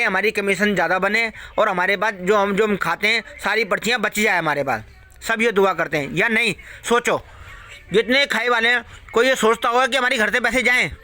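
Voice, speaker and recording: A man's voice: sits high, pushed and bright. A man ranting casually at his viewers, repeating himself a lot and swearing freely as he warns them and gives betting tips. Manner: repetitive, preachy, swears freely. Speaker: satta tipster YouTuber.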